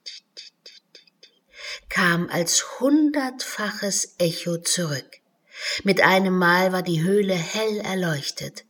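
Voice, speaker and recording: A woman reading a children's storybook aloud, slow and measured, dropping to whispers at times. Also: on the low side, a bit bright, husky. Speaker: narrator.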